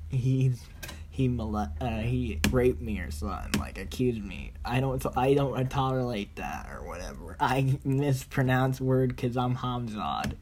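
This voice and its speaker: A man's voice: mid-range voice, noisy background. A man vlogging in a rambling, boastful, profane monologue with broken grammar. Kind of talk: rambling casual monologue to camera.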